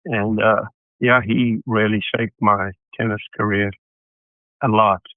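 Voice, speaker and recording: This is a South African tennis coach guesting on a podcast, telling long, rambling stories of his beginnings in tennis, with restarts and asides along the way. He speaks unhurriedly at a fairly low pitch, his voice barely rising or falling. The casual interview answers are captured dry over a tinny, phone-like line.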